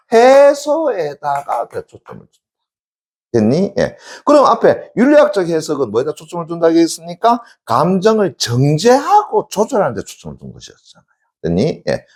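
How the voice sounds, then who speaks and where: A male exam-prep teacher giving a classroom lecture, constantly checking in with his class and answering his own questions. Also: mid-range voice. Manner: call-and-response, keeps asking "됐니?" and answering himself; emphatic, shouts out examples.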